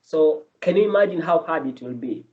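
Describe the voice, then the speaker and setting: The guest is a medical student whose voice is a little high and a little mellow, brisk and expressive. English isn't his native language, so he answers the interview earnestly, repeating and restarting as he goes, captured on dull lo-fi audio.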